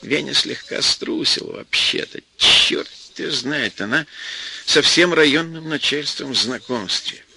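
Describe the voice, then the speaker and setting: A man reading an audiobook aloud, telling the story in a lively, expressive way. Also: mid-range voice, measured pace, gravelly, noisy background. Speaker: audiobook reader. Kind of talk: scripted narration.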